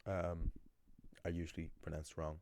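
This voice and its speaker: Blunt man with a very deep voice. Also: monotone, normal speed, darkish tone. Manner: blunt and opinionated, full of restarts. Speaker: language teacher. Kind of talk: casual explanatory monologue.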